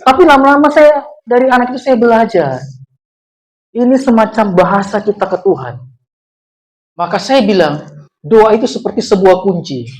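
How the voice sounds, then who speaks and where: A woman's voice: on the high side, moderate pace, pauses often, rough recording. A woman pastor preaching a sermon in a church, telling stories and acting out the voices in them. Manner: animated storytelling, acts out quoted voices. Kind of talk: sermon with anecdotes.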